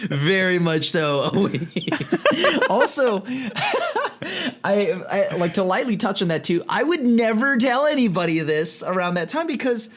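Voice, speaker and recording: An animated man from California co-hosting a casual podcast. His voice sits a little high and swings widely in pitch. He laughs often and restarts his sentences. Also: measured pace. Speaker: podcast co-host.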